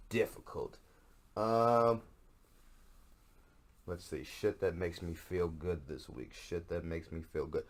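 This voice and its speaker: A man with a very low voice hosts his podcast in an unhurried, rambling way. He swears freely and pokes fun at himself as he goes. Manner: profane, self-mocking, rambling. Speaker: podcast host. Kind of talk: casual comic monologue.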